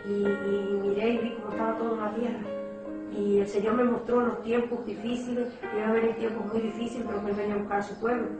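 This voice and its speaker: A woman giving an emotional religious testimony, repeating herself and calling her listeners brother. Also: a little high. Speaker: testifying church member. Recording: echoey hall, far from mic, with music.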